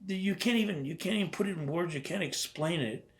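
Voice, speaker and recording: A man's voice: high voice, a little hiss or hum. Older man telling war stories. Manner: storytelling, acts out quoted dialogue, halting restarts. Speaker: interviewee, veteran. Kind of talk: oral history interview.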